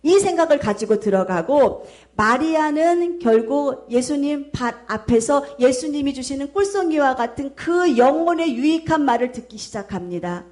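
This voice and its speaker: A woman pastor preaches a sermon in a high, bright-pitched voice. She tells a story to her listeners, asking questions and answering them herself. She sounds middle-aged. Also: expressive, moderate pace.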